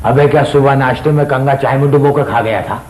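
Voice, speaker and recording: A man's voice: medium pitch, a little fast, darkish tone, lightly acted. An actor from Pakistan playing a touchy, poetry-loving middle-aged father in a studio TV drama, exclaiming theatrically. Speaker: father of the household. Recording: echoey studio set.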